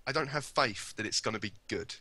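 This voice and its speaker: A man's voice: fairly low pitch, brisk, sharp tone, slight background noise. A young man co-hosting a casual podcast chat, rambling and hesitant, easily amused. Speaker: podcast co-host.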